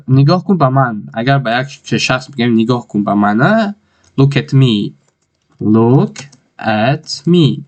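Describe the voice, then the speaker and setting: A man with a Tajik accent teaching an English lesson, repeating each phrase slowly word by word. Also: mid-range voice.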